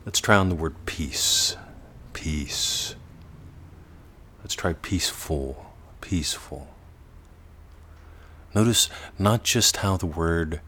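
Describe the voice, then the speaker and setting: Low husky guy doing a slow self-help talk, stretches words out, half whispers a lot. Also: a bit bright. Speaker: teacher. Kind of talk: meditative self-development talk.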